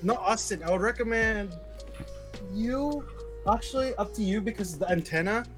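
A young man chatting excitedly and slangily with friends on a podcast, swearing freely. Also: sits high, moderate pace, soft background music. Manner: excitable, slangy, swears, puts on a nerdy voice at times. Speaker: podcast co-host. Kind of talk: casual chat among friends.

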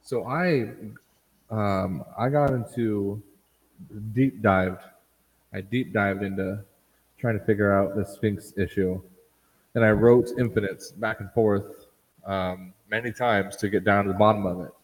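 A man's voice: lowish voice, steady tone, unhurried. A man co-hosting a casual chat, explaining carefully with hesitant fillers. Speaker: podcast co-host. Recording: long reverb.

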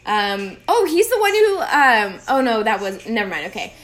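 Rambling, high young woman storyteller. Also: very animated, normal speed, a bit bright. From Oregon, USA. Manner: rambling, scattered, profane, many fillers. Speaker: podcast host. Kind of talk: casual storytelling monologue.

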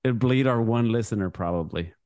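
A man's voice: lowish voice, a little fast, darkish tone, no room sound. A man co-hosting a sports podcast in casual chat, rambling, often restarting his sentences and laughing. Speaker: podcast co-host.

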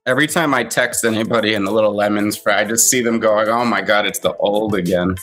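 A man's voice: lowish voice, brisk, a bit bright, faint music behind. A man in his late thirties co-hosting a casual live audio show, trading dry, self-mocking banter about the markets. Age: 30s. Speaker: co-host.

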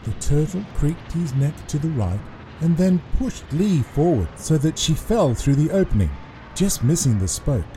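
Man, narrator, children's storybook, expressive, dark husky tone, lively pitch. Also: normal speed, a little hiss or hum. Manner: expressive, playful reading.

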